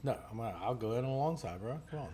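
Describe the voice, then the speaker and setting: A man co-hosting a live trading stream, chatting casually and thinking out loud in relaxed banter. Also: medium pitch, rapid-fire, background noise. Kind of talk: casual chat while trading.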